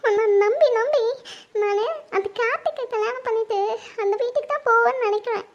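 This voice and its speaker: A woman acts out a sulky young bride-to-be in a family drama, with a voice pitched far up and a thin, squeaky edge. She whines and pleads in a restless, petulant way, as if nothing ever goes her way. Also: big pitch swings, fairly quick, a bit bright, highs cut off, full character voice. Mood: resentful. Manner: whiny, pleading.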